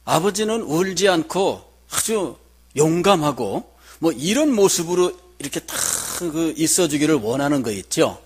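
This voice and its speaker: A man's voice: on the high side, big pitch swings, moderate pace, breathy edge. A middle-aged man preaching a sermon as pastor, telling a personal story in a conversational way and asking the congregation questions.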